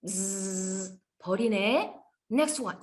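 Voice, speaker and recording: A woman teaching an English phonics lesson to young children in an animated, sing-song, encouraging way. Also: mid-range voice, extremely slow.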